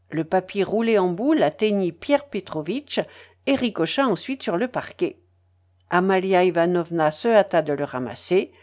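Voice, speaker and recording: A woman narrating a classic novel as an audiobook in an expressive, theatrical way. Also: medium pitch. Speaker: audiobook reader.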